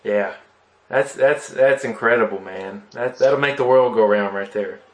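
A man's voice: medium pitch, measured pace. A man hosting a podcast interview, easygoing and encouraging, often restarting his sentences and saying "man.". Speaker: podcast host. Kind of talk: casual interview chat.

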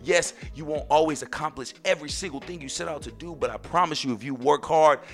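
A man hosting a podcast in a casual solo monologue, speaking emphatically and repeating phrases for effect. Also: mid-range voice. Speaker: podcast host.

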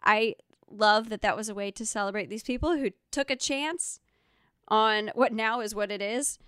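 A woman's voice: medium pitch, moderate pace, fairly bright tone, clear, resonant tone, dry recording, studio quality. A woman hosting a podcast in a casual, enthusiastic, gushing style. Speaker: podcast host.

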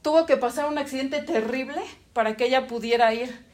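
High-voiced woman preaching emphatically. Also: brisk, darkish tone. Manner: emphatic, repetitive lists, laughs at herself. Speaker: prophet preaching. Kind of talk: sermon.

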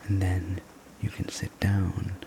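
A man telling a sleep story as an ASMR role-play, gentle, soothing and unhurried, speaking as a server looking after a guest. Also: low voice, monotone, vocal fry, background noise. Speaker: sleep story narrator playing a night-shift diner server.

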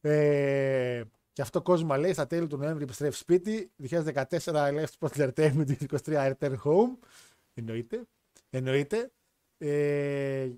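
Animated wrestling show host man. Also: a little high, no room sound, clean studio sound. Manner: animated, slangy, joking. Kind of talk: casual chat reading chat comments.

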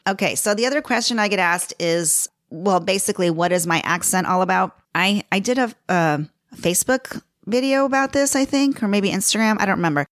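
A middle-aged woman with a Chicago accent hosts her own solo podcast, chatting casually, laughing often and poking fun at herself. Her mid-range voice is brisk with few pauses, recorded in clean studio sound with no room echo.

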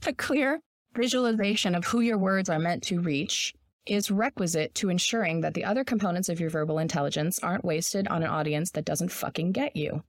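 Podcast co-host: woman, 30s, low raspy voice, blunt and profane, dry close sound. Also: no room sound. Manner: profane, blunt, reads quickly. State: raspy sore throat. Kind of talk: casual chat and reading an essay aloud.

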